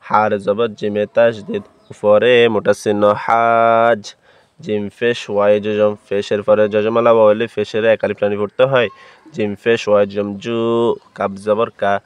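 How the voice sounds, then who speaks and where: A man with a low, fairly monotone voice, clear and smooth, teaching Quran recitation step by step. He names each letter and mark, then sings out the syllables long and loud. The sound is close and dry, a little dull. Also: normal speed, no room sound. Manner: spells letters aloud, then chants syllables loudly and drawn out. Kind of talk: spelling-out Quran recitation lesson.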